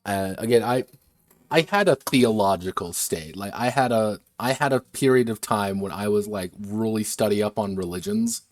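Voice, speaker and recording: A man's voice: fairly low pitch, animated, moderate pace, no room sound, soft background music. A man who designs games, chatting casually on a livestream at his desk, wandering between asides and restarting his sentences. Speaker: game designer streaming a workshop.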